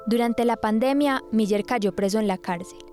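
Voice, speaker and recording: A woman reading scripted documentary narration in a measured, composed way. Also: on the high side, music in the background.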